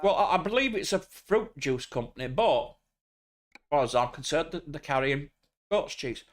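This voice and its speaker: A man's voice: fairly high pitch, lively intonation, normal speed. An English man streaming a truck driving game, chatting casually with crude, joking banter. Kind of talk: casual gaming chat.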